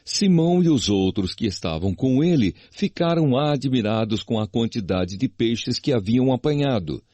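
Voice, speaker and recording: Male Bible narrator, animated intonation, breathy and dry. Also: medium pitch, moderate pace, no room sound. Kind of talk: scripted scripture narration.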